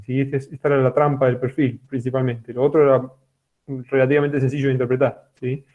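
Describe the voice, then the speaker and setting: A man's voice: mid-range voice, dark tone. A man teaching a geology class online, explaining step by step and checking in often with a questioning "sí". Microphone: computer microphone on a video call. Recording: tinny phone-like online call audio.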